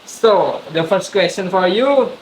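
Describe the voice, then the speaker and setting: A man with a high, expressive voice hosts a casual podcast interview, asking questions at a measured pace in a playful, jokey way. The recording has room echo and hiss.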